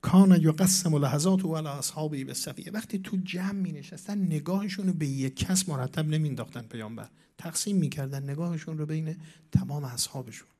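High-voiced man preaching with emphatic swings. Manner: emphatic, swinging between loud declaiming and hushed asides. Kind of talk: sermon.

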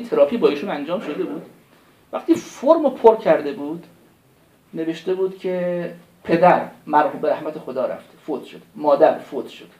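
A man's voice: high-pitched, a little mellow, highs cut off. Impassioned male preacher in an echoey room. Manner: impassioned, pleading rhetorical questions; recites verses in Arabic. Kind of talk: religious sermon. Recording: roomy echo.

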